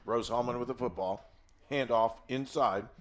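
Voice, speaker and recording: A man's voice: mid-range voice, moderate pace. Man, play-by-play announcer, college football commentary, chatty, explains rules.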